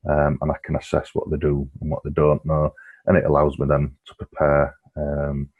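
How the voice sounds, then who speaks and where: A man with an extremely low, husky voice walks through software as a tutor. He speaks in a flat, even tone, relaxed and explanatory, dropping in frequent ums and uhs. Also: normal speed, phone-quality sound. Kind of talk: screen-recorded software walkthrough.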